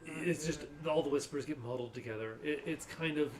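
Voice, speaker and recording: A man running a tabletop game as game master, narrating in a relaxed way with frequent pauses. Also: fairly high pitch. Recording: distant mic with faint noise.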